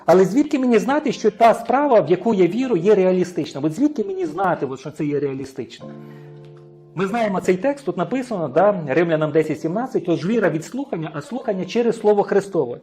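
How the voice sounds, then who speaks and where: A man's voice: sits high, animated, fast talker, mellow, soft background music. A man with a Ukrainian accent preaching a sermon, often asking the congregation questions and answering them himself, sometimes stumbling and restarting words. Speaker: pastor.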